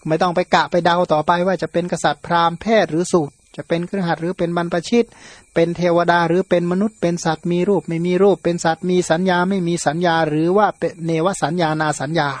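High-pitched Thai monk preaching. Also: male voice, no room sound. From Thailand. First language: Khmer. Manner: explanatory, repeats words to stress them, frequent fillers. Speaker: Buddhist monk. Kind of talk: Dharma sermon.

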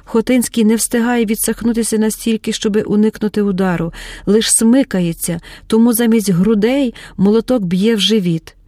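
Audiobook narrator, woman, mellow tone, close dry recording, dramatic delivery with voiced characters. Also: moderate pace, dry recording. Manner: shifts pitch and pace to voice the characters.

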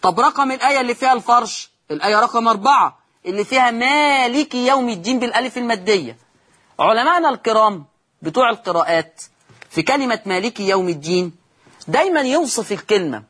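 A middle-aged Egyptian man giving a televised lesson on Quran recitation, talking quickly to the viewers and going over each point twice. His voice sits high for a man and has a husky edge. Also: a bit bright. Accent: Egyptian Arabic. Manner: addresses viewers directly, repeats key points. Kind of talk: TV lesson explaining Quran readings.

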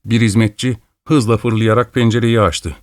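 A male narrator reads the story in a steady, measured way. His voice is low. The recording is dry and close. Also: no room sound. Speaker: audiobook narrator. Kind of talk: scripted narration.

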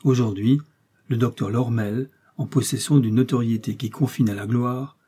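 A man reading a classic short story aloud in a measured, expressive way. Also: medium pitch, breathy edge. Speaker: audiobook reader.

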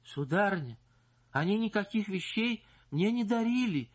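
A man's voice: high voice, animated, moderate pace, husky, lo-fi sound, voice pushed up. A man voicing a defensive, flustered young female chorus singer who protests in a plaintive, evasive way.

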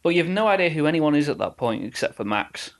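A man's voice: fairly high pitch, very animated, fast talker. A man chatting casually about a film and its game, often restarting his sentences and quoting lines in dry put-on tones. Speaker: podcast co-host. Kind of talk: casual chat.

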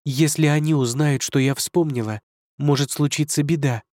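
A man's voice: a little high, fairly even intonation, normal speed, darkish tone, dry recording, clean studio sound, pitched above the performer's own voice, lightly acted. A man reading an audiobook, voicing a young fox spirit woman who is anxious and pleading. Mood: panicked.

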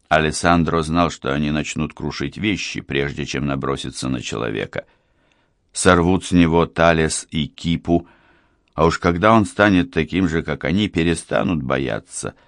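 A man narrating an audiobook in a measured, grave storytelling manner. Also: extremely low pitch, dry recording, clean studio sound.

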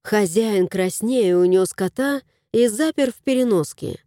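A woman narrating a storybook in an expressive, lilting reading voice. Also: mid-range voice, measured pace, no echo, studio quality.

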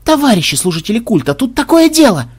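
A brash young warlock programmer, as a male reader puts him on, loud and excitable, his voice leaping high and swinging all over as he yells. The tone is husky and breathy. It sounds like a lively storybook reading. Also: fast, exaggerated voice. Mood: yelling. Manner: loud, excitable, often yelling.

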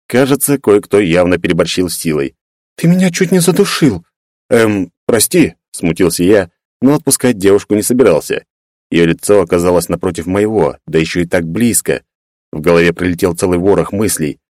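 A man narrating a first-person story in a steady, even manner. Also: low-pitched, brisk, dry recording, clean studio sound. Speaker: audiobook narrator.

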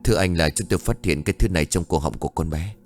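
A man voicing a calm clinic doctor who speaks briskly and formally. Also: low voice, soft background music, pitched below the performer's own voice, natural voice. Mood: grave.

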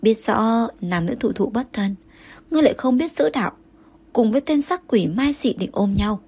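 A woman voicing a possessive, jealous male emperor who turns between commanding and coaxing, with a breathy voice. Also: a little high, animated, moderate pace, a little mellow. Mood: scolding.

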